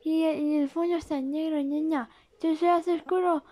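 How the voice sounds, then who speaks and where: A woman's voice: sits high, steady tone, normal speed, warm tone. A woman from Spain with a Spain Spanish accent, streaming a horror game live and giving jittery, jumpy commentary that hangs a pet word on almost every phrase.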